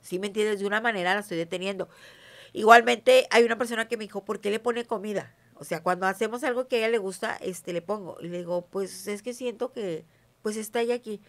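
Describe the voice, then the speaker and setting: A woman's voice: mid-range voice, fast. A middle-aged woman with a Mexican accent, talking in a chatty, emphatic way as an interview guest. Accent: Mexican Spanish. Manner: chatty, emphatic, often asks "¿sí me entiendes?". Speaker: interview guest, self-described witch. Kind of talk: casual conversational interview.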